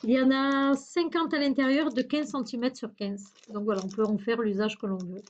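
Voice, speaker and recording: A woman's voice: fairly high pitch, steady tone, normal speed, highs cut off, slight background noise. A woman chatting through a shopping haul video, hesitant and searching for words with many fillers. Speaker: YouTuber showing a shopping haul. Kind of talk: casual haul video chat.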